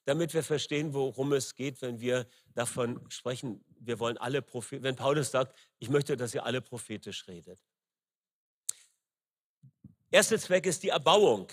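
A middle-aged man preaching a sermon, emphatic and rising loud on key words, with frequent fillers. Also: mid-range voice, lively intonation, moderate pace. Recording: long reverb in a large hall.

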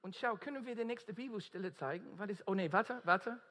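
A somewhat fast, pushed and bright high voice belongs to an Australian man preaching in German. English is his first language, so in this earnest, emphatic evangelistic sermon he often pauses to find words, and the hall adds a long reverb.

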